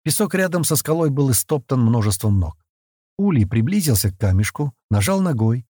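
A man narrates an adventure novel aloud in an expressive storytelling manner. His voice is husky and his pitch moves in lively swings. The recording is close and dry, with no room sound. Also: normal speed, dry recording. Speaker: audiobook narrator. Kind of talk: scripted narration.

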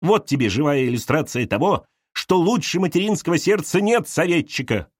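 A small bossy older woman laying down the law, as a male narrator puts her on, lively and sing-song when she mocks. the recording is dry and close. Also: on the high side, moderate pace, breathy edge, no room sound, pitched above the performer's own voice. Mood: scornful. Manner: lecturing, sharp and commanding. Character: bossy little older woman, scornful and preachy.

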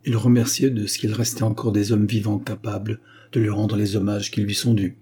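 A man narrating a classic story as an audiobook, measured and expressive. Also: lowish voice, slightly rough.

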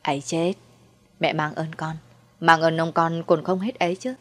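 A woman's voice: low voice, flat delivery, normal speed. A woman voicing a scheming, cruel old mother-in-law in a storybook reading, coldly mocking. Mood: falsely sweet. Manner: mocking, sweetly cold then shrieking.

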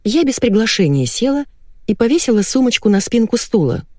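A woman narrating a first-person novel in an ironic, lively storytelling manner, close to the mic. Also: fairly high pitch, a little fast, no room sound. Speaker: audiobook narrator.

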